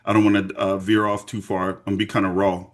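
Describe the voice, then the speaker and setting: A man's voice: lowish voice, flat delivery, fast. A man hosting a podcast conversation, speaking in a candid, earnest way. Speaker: podcast host. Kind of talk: conversational interview.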